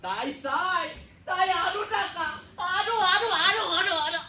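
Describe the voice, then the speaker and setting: A woman's voice: very high-pitched, animated, normal speed, pushed and bright, a little hiss or hum, full character voice. A woman playing a greedy man who chants for money and mocks others on a stage. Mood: whining. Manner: chanting, mocking, blustering. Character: greedy money-mad man cutting down the forest. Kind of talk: stage drama acting. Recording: echoey hall from far off with crowd.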